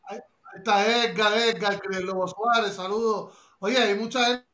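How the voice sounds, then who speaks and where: A brash man hosts a casual podcast, joking around in heavy slang. His voice sits high and bright. The room around him is echoey. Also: steady tone, normal speed. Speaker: podcast host.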